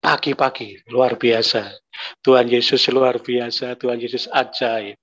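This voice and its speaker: A man's voice: mid-range voice, fairly even intonation, unhurried, fairly bright tone. A middle-aged man giving an emotional personal testimony, repeating himself and rising to anguished cries. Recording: dull lo-fi recording.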